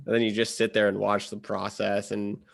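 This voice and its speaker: A man's voice: lowish voice, completely flat delivery, a little fast, vocal fry. A man hosting a podcast who tells stories casually, saying "like" often and acting out what he said. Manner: storytelling, quoting himself, says "like" often. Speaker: podcast host.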